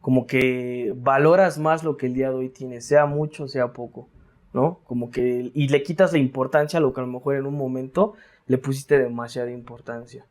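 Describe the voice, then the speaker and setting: A man's voice: mid-range voice, steady tone, normal speed, a little mellow. A man with a Mexican accent, a guest in a casual interview, telling his story in a reflective, rambling way with many fillers and repeated words.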